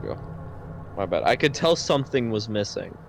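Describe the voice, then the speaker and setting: A man's voice: lowish voice, very animated, normal speed, creaky. A man streaming, reading story narration aloud with casual, swearing asides. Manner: casual, swears freely between read passages.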